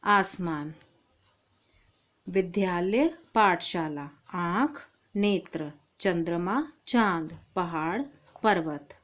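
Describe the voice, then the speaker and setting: A woman's voice: lowish voice, drawn-out words, slight background noise. A woman teaching a primary-school language lesson, patiently calling the child "beta". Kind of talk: slow, deliberate primary-school Hindi lesson.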